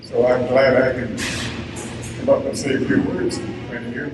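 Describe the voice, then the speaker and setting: A man in his nineties giving an informal commemorative speech as an army veteran, plainspoken and halting, in short phrases. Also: medium pitch, little pitch movement. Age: 90s. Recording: echoey, distant, noisy event PA recording.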